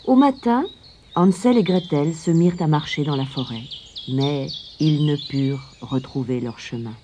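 A woman narrating a fairy tale in a slow, soft, expressive way. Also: low voice, a little hiss or hum. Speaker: storyteller.

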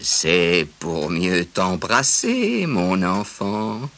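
A man putting on a sly, slow big bad wolf. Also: huge pitch swings, fairly bright tone, heavily acted. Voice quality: slow drawn-out deep growl. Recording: music bed under voice.

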